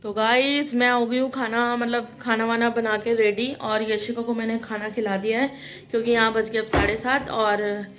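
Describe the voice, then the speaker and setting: A young woman talks to her viewers in a chatty, emotional vlog. Her voice sits a little high for a woman. A faint hum of background noise runs under the phone recording. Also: level tone, normal speed, fairly bright tone, low-quality recording. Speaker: vlogger. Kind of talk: casual vlog talk.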